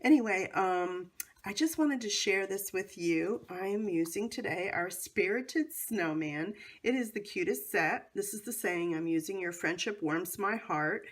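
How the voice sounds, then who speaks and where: An American woman with a hoarse, cold-affected voice hosts a casual how-to craft demonstration in a chatty, enthusiastic way. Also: mid-range voice, animated, unhurried, few pauses. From North Carolina, United States. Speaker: craft tutorial host.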